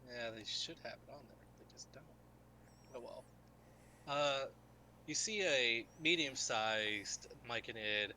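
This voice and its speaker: A man's voice: mid-range voice, takes it slowly, bright, forceful tone, slight background noise. A man narrating as game master in a casual, rambling way.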